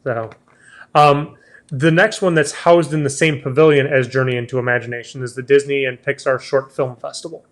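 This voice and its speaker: A man's voice: mid-range voice, steady tone, fairly quick. A man hosting a casual travel chat, talking in a chatty way and restarting his sentences often. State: has the hiccups. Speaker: travel show host.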